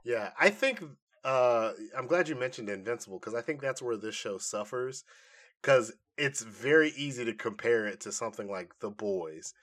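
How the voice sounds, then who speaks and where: A podcast co-host reviewing nerd culture chats casually and shares his opinions in slangy, conversational language. His mid-range, fairly bright voice has lively intonation and a moderate pace.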